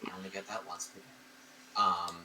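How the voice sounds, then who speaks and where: A man's voice: sits low, flat delivery, a little fast, bright, forceful tone. A man playing a tabletop game, eagerly explaining rules in casual chat. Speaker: player. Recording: roomy, distant mic with faint noise.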